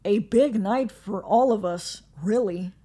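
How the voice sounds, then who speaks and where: A woman voicing a cold, scheming scientist mother who answers her child in a hushed, evasive way. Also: medium pitch, takes it slowly.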